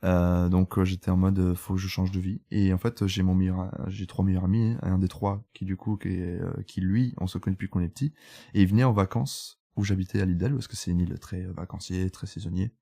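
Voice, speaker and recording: On a casual podcast interview, a twenty-something photographer from Italy, Italian by first language, shares his story in French with frequent fillers and restarts. His voice sits low and is steady, creaky and mellow, moving at a slightly fast clip.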